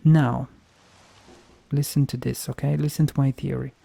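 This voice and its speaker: A man's voice: mid-range voice, little pitch movement, normal speed, creaky, warm tone. A man giving casual game playthrough commentary, arguing his points and repeating them for emphasis. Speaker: video game streamer.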